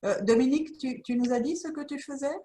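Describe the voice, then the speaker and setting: A woman moderating an online meeting, handing the floor briskly and encouraging others to speak. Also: high voice, dark tone, a little hiss or hum. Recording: echoey room sound.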